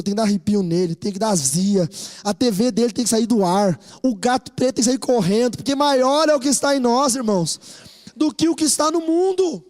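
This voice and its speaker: High-voiced Brazilian pastor in a reverberant hall. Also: male voice. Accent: Brazilian Portuguese. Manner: animated storytelling, rousing the congregation to repeat after him. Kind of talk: sermon. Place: church hall. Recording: long reverb of a church hall.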